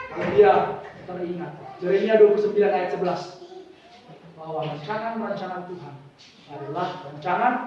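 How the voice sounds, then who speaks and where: High-voiced preacher in a booming echo. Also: male voice, a little hiss or hum. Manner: dramatic, swings from hushed to loud. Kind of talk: sermon storytelling. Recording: very echoey, distant mic, dull sound.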